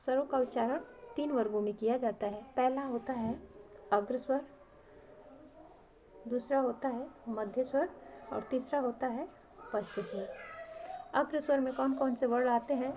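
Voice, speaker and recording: A woman teacher with a somewhat high voice gives an exam-prep grammar lesson. She poses each question and answers it herself, repeating the key terms for emphasis. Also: steady tone, normal speed, long pauses, warm tone, slight background noise.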